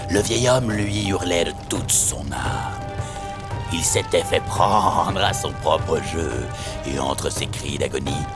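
A man's voice: deep voice, slow pace, over loud music. A man narrating a spooky tale in a suspenseful, theatrical storytelling style.

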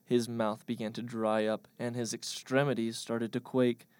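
A man narrating a mock-historical comic tale in a deadpan, mock-grand manner. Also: medium pitch, moderate pace, clear, resonant tone, no room sound.

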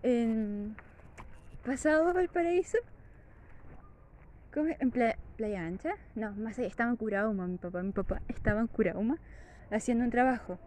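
A woman with a Chilean accent casually telling a story to camera, laughing often in a lively, chatty way. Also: a little high, moderate pace, long pauses. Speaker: vlogger.

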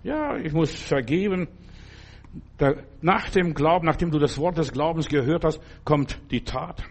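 A man's voice: fairly high pitch, animated, measured pace. An older male preacher delivering a loose, conversational sermon, often stopping to ask whether the listener understands. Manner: conversational, keeps asking "verstehst du?".

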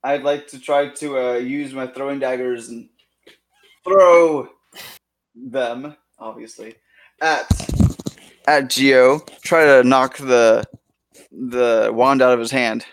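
A man of middle pitch plays in a tabletop game. He describes what his character does in a halting way, stopping often to search for words. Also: steady tone. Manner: hesitant, full of "like" fillers. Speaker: player. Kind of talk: casual tabletop game play.

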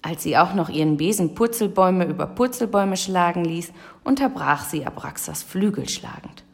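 A woman narrating a children's audiobook in a lively storytelling manner. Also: lowish voice, normal speed, gravelly.

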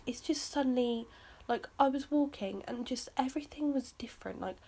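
A woman's voice: high voice, moderate pace, dark tone. A woman hosting her own podcast, chatting casually and rambling with lots of fillers. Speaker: podcast host. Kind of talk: casual solo podcast chat.

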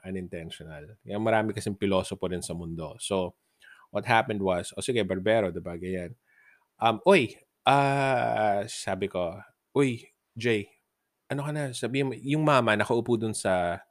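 A man's voice: lowish voice, dry recording, clean studio sound. A man hosting a podcast, casually telling funny stories, laughing often and mixing English into his talk. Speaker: podcast host. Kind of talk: casual storytelling.

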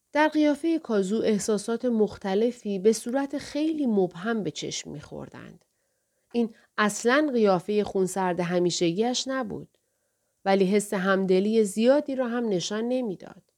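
Measured woman narrating an audiobook. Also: medium pitch, a little mellow.

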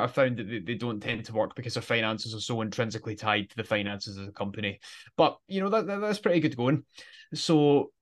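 A man's voice: mid-range voice, fairly bright tone. A man co-hosting a casual podcast, explaining at length and often restarting his sentences. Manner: explanatory, rambling with frequent restarts. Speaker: podcast co-host.

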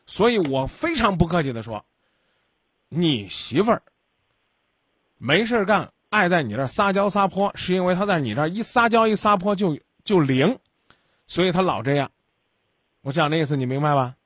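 A man's voice: sits high, animated, moderate pace, long pauses, fairly bright tone, no echo, clean studio sound. A man hosting a radio call-in advice show, scolding and lecturing a caller bluntly.

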